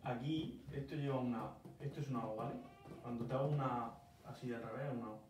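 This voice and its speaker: A Murcian-accented English teacher from Murcia, Spain, talks fast in a mid-range voice. He patiently explains English pronunciation step by step in a relaxed one-on-one lesson, recorded with the mic far off in a very echoey room with faint noise.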